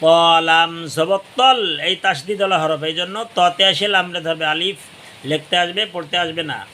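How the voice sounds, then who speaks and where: Bright-voiced man teaching Quran reading. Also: on the high side, slight background noise. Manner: spells letters slowly, then explains in quick bursts; chants verses in a slow melodic recitation. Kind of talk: spelled-out Quran reading lesson.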